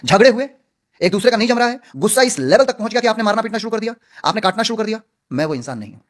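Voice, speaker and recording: A man's voice: high voice, lively intonation, racing. A man answering interview questions as a film actor, speaking earnestly and outspokenly with emphatic stresses.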